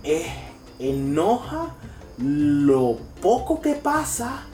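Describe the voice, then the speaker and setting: A young man co-hosts a podcast, talking crudely and sarcastically with lively mock voices. His voice sits a little high. He sounds set back from the mic in an echoey room with faint music underneath. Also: extremely slow, distant mic. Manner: crude, sarcastic and animated, slips into mocking voices. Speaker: podcast co-host. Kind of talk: casual podcast chat.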